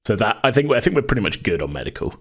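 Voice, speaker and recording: Here a podcast host with a distinctly low-pitched voice chats about a game he runs, very animated and rapid-fire. He rambles, working through his thoughts aloud in a loose, easygoing way.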